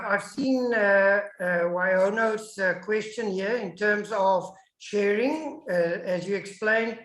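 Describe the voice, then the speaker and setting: Over an online video call from an echoey indoor room, a South African academic whose native tongue is Afrikaans gives an emphatic guest lecture. She speaks in a mid-range voice during the webinar, which includes audience questions.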